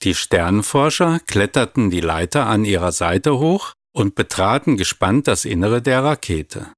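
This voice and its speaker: A man calmly reading a children's story aloud. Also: on the low side, a little slow, dry recording, clean studio sound. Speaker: narrator.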